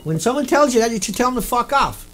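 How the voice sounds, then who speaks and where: Angry ranting man, high voice. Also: expressive, fast, soft background music, poor audio. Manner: repetitive, profane, indignant; shouting bursts. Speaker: video host.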